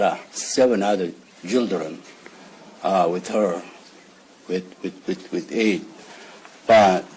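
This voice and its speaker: A man's voice: fairly low pitch, a little mellow, husky, rough recording. A man with a Somali accent, a father speaking at a press conference, repeating words as he searches for phrasing. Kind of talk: press statement.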